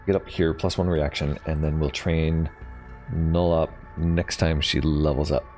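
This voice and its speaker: A man's voice: very deep voice, little pitch movement, measured pace, a little mellow, faint music behind. A man casually thinking aloud while playing a strategy game, with lots of ums and hesitations. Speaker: gaming channel host. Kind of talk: casual let's play commentary.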